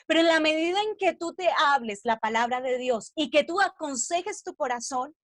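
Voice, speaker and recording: Earnest high-voiced woman preacher. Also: expressive, moderate pace, fairly bright tone, no room sound. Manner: earnest, personal testimony woven into preaching; asks the listeners questions. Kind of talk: devotional teaching to women.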